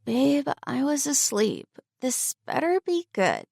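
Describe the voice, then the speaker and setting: A woman's voice: a little high, big pitch swings, darkish tone, no echo, studio quality, voice pushed up, exaggerated voice. Woman voicing a caring, sleepy best friend. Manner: fires off quick worried questions. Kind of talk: audiobook character voice.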